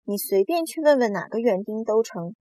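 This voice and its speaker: A woman voicing a grumpy, indignant male earthworm in a storybook reading, complaining in a shrill voice. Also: lively intonation, moderate pace, dark tone, dry recording.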